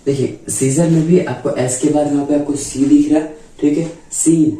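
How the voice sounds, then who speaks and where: A male teacher giving a classroom-style grammar lesson, repeating his points with frequent check-ins and slowing down to spell out letters. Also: fairly high pitch, steady tone, mellow. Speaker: English teacher. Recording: echoey room, voice from a distance.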